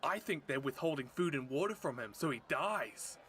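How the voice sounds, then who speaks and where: A man's voice: a little high, expressive, normal speed, a bit bright, voice pushed up. A man voicing a suspicious, conspiratorial gossip in a documentary skit. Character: gossiping rumor-monger spreading suspicions.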